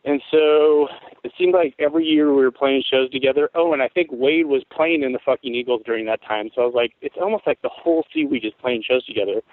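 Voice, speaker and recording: Over a dry, tinny phone-like line with no echo, a fast-talking man in his forties from Tacoma, Washington, guests on an interview show as a musician. He tells rambling, easygoing stories full of swearing in a rough, worn voice of medium pitch, keeping the chat casual.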